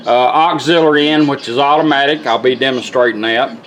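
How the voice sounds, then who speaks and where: A radio restorer casually demonstrates a product in a folksy, informal manner, his medium-pitched voice brisk and a bit bright. The audio quality is poor, and music from the car radio he's showing plays in the background.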